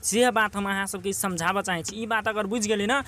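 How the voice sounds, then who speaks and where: A young man with a Maithili accent giving casual, rambling, encouraging advice to viewers, with lots of filler words, filmed by his brother in a quiet spot. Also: sits high, steady tone, brisk, slight background noise. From Nepal. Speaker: YouTube tips vlogger. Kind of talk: casual motivational talk to camera.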